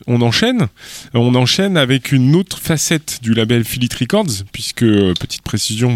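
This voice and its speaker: A man hosting a music radio show in casual chat, relaxed and hesitant, with many fillers. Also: mid-range voice, dry recording. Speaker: radio host.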